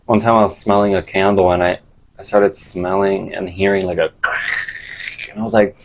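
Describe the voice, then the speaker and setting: A man's voice: low-pitched, flat delivery, normal speed, creaky, rough recording. A man chatting casually and rambling to camera in an unfiltered, slangy, sweary way. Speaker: vlogger.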